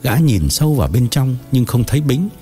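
Expressive male audiobook narrator. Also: medium pitch, fairly quick, faint music behind. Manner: expressive, dramatic storytelling.

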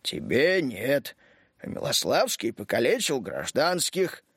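Man voicing a slow, pompous army major. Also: mid-range voice, very animated, fairly bright tone, breathy edge, dry recording, clean studio sound, heavily acted. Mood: stubborn. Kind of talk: audiobook character reading.

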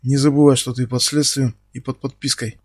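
A man voicing male relatives who urge caution in a low, urgent voice. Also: flat delivery, brisk, no echo, studio quality, lightly acted. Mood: warning. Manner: half-voiced, urgent warning.

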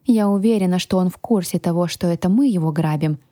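A woman narrating a first-person fantasy audiobook in a lively, expressive way. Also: on the low side, fast, dry recording, clean studio sound. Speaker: audiobook reader.

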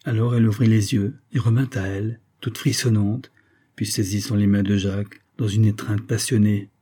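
A man reading a French novel aloud as the narrator, in a measured storytelling manner. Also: fairly low pitch, level tone, mellow, slightly rough. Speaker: audiobook reader. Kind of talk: literary narration.

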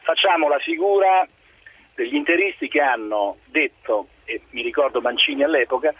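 A man's voice: a little high, expressive, normal speed, husky. A male caller from the province of Fermo, talking on speakerphone to a sports phone-in show and arguing his point insistently. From Italy, province of Fermo. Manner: argumentative, insistent, defends his club. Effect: on speakerphone over a phone line. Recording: tinny speakerphone phone line.

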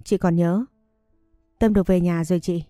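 A woman voicing a sick young girl who pleads softly and gently. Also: on the low side, fairly even intonation, moderate pace, no room sound, studio quality, soft background music, close to an everyday voice. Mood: wistful.

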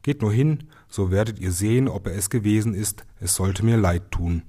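A guileless, fearless farm boy from a fairy tale , put on by a male storyteller. He speaks up earnestly and plainly, a touch louder than the narration. The voice has a husky edge. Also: lowish voice, moderate pace. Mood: matter-of-fact. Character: naive fearless peasant boy, youngest son.

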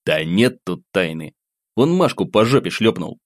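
A man reads a young student friend in an audiobook, blunt and terse, speaking in short, curt replies. His voice is low and deep, recorded close and dry. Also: big pitch swings, normal speed, no room sound.

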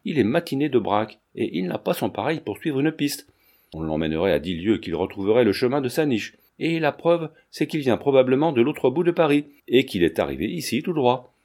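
A man's voice: mid-range voice, sing-song, brisk, darkish tone. A man voicing a poor middle-aged fairground clown who talks in a blunt, plain way, read from a novel. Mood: earnest.

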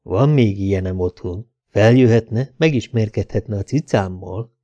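A man voicing an affected, flirtatious woman at a bar who talks in a slow drawl. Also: fairly low pitch, warm tone, muffled recording, close to an everyday voice. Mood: coaxing.

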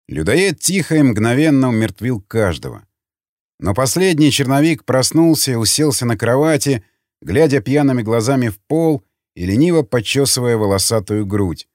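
A man reading an audiobook in steady, even scripted narration. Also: medium pitch, normal speed, no echo, studio quality.

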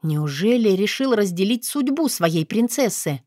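Woman reading a fantasy audiobook, expressive, dry close mic. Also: medium pitch, unhurried, no echo. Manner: expressive storytelling. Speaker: audiobook narrator.

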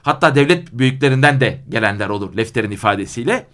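A man who is a guest in a radio studio lays out historical events at a slow, deliberate pace. He pauses often and fills the gaps with hesitation sounds, and his voice sits at an ordinary pitch. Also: animated, fairly bright tone. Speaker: studio guest, legal scholar. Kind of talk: radio interview, explaining history.

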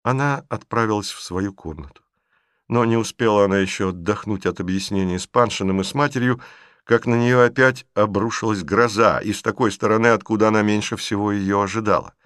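A man narrating a classic novel as an audiobook, in a measured storytelling manner. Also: lowish voice, fairly bright tone, no echo, studio quality.

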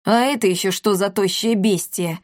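A woman's voice: mid-range voice, moderate pace, dry recording, studio quality, close to an everyday voice. A woman voicing a rowdy village bully boy who jeers and gloats. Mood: gloating. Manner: gloating, jeering.

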